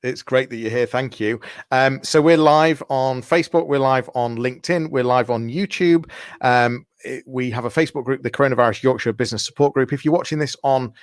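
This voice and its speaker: Male interview host, halting with lots of "uh"s, dry booth sound. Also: medium pitch, no room sound. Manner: hesitant, many filler sounds. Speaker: podcast host. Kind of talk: live video interview.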